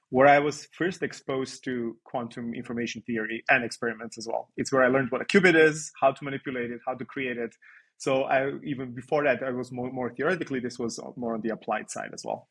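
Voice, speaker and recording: A man's voice: medium pitch, a bit bright, husky. A man from Serbia, a guest physicist, explaining his career in a podcast interview, with frequent restarts.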